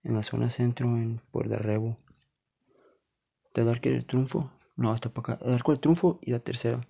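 A man's voice: mid-range voice, steady tone, fairly quick, creaky, husky, highs cut off. A man hosting a podcast in a blunt, slangy, confessional monologue. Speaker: podcast host. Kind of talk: casual monologue.

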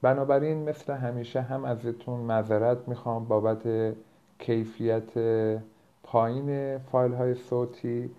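A dull, low-bitrate recording of a man with a mid-pitched voice. He talks as a coach hosting an informal podcast, explaining things step by step. His delivery has hesitant pauses and filler sounds. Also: steady tone, mellow. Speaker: productivity coach and podcast host. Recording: low-bitrate, dull lo-fi home-edited audio.

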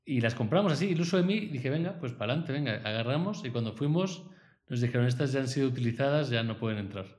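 A man in a casual conversation, telling a story in an animated, rueful way. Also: medium pitch, fast talker.

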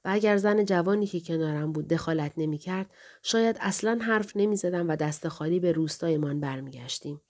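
A woman reading an audiobook story in calm, even scripted narration. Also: lowish voice.

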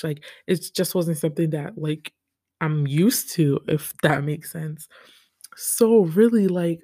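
A woman's voice: low-pitched, mellow, dry recording, studio quality. A young woman hosting her own podcast, chatting casually and a bit nervously, with lots of fillers. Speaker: podcast host. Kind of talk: casual chat. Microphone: own podcast microphone.

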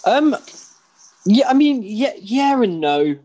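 A man's voice: extremely high pitch, sing-song, dark tone. A British man co-hosting a podcast, teasing his friend in sweary, mocking banter. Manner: teasing, sweary, quick to mock. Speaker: podcast co-host. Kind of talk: casual banter.

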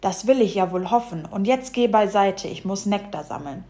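A cross little bumblebee grumbles and scolds in a raised, pushed-up voice, as a woman reads him in a children's story. He is fussy and quick to take offence. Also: mid-range voice, animated, dark tone, close to an everyday voice. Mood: scolding. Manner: gruff, scolding, rhymes when cross. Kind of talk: storybook reading.

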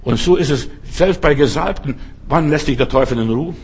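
A man's voice: a little high, moderate pace, slightly rough. A middle-aged man preaching a sermon emphatically, repeating phrases, correcting himself mid-word and acting out quotes.

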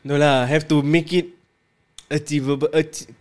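Slangy Malay-English man, slightly high voice. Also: steady tone, moderate pace, darkish tone. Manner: slangy English mixed with Malay, lah particles. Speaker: shop owner and live seller being interviewed. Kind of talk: casual chat.

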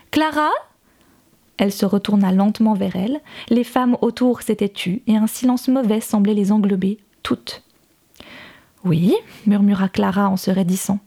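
A woman reading a novel aloud in calm, measured scripted narration. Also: mid-range voice, creaky. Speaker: audiobook reader.

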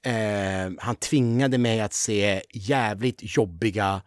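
A man, a guest actor, telling anecdotes in a casual interview, animated and full of fillers. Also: on the low side, dry recording, studio quality.

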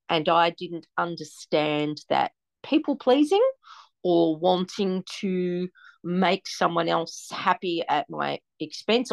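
A woman guest in a reflective podcast conversation, a little under the weather and slightly croaky. Her voice sits fairly low with plenty of fry, recorded close and dry. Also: no echo. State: a little sick.

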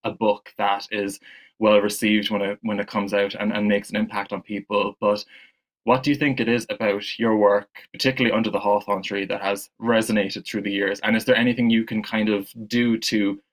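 Lower-voiced eager male podcast host. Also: little pitch movement, a little fast. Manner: eager, friendly questions with restarts. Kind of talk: interview.

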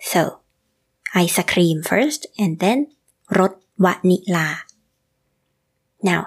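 A woman teaching on a podcast, spelling out each word slowly and carefully. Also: on the high side, slightly rough. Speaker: Thai language teacher. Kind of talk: podcast language lesson.

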